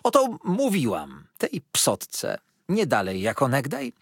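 A man's voice: medium pitch, wildly swooping pitch, slow pace, slightly rough, dry recording, studio quality, voice pushed up, exaggerated voice. A man voicing a talkative, pushy old mother-in-law in an audiobook, gushing and insistent.

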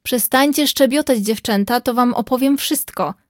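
A woman's voice: fairly high pitch, normal speed, no room sound, clean studio sound, lightly acted. A woman voicing a spirited young woman telling her news eagerly.

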